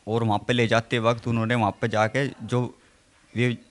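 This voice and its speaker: Man, local news interviewee, halting delivery, filler-heavy, mid pitch. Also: level tone. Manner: halting, repeats "theek hai" as a filler.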